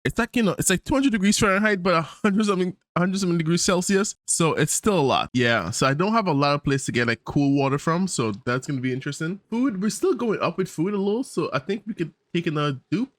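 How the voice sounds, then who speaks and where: A man's voice: sits high, expressive, fast, hardly any pauses, no room sound. A man hosting a gaming channel, thinking aloud in casual let's-play commentary with fillers and small laughs, in a tired morning voice.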